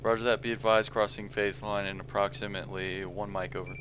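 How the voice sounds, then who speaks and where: A man's voice: fairly low pitch, little pitch movement, brisk, background noise. A man acting as radio operator in a military simulation game, mixing procedural calls with casual chat, his phrasing somewhat hesitant.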